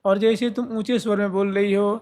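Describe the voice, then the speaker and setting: A man's voice: high-pitched, little pitch movement, a little fast, darkish tone. A man giving a devotional discourse, explaining verses line by line and singing some lines drawn out. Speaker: devotional storyteller.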